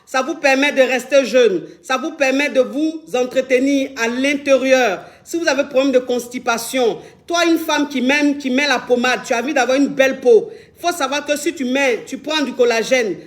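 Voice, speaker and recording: A woman with a very high voice, talking casually into a phone on a live stream. She is chatty, repeats herself a lot and keeps calling her viewers by affectionate names. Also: moderate pace, few pauses. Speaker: live-stream host taking calls. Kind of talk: casual live-stream chat and product promotion. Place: Dubai.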